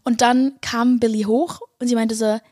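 A young woman, a singer and vlogger, excitedly telling her viewers a story, gushing and breathless, mixing English slang into her German. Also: fairly high pitch, moderate pace, no echo, clean studio sound.

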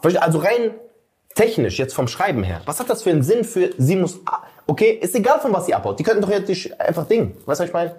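A man's voice: sits high, very animated, quick pace, darkish tone. A man co-hosting a casual podcast chat, ranting heatedly and often calling the others "Bruder". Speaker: podcast co-host.

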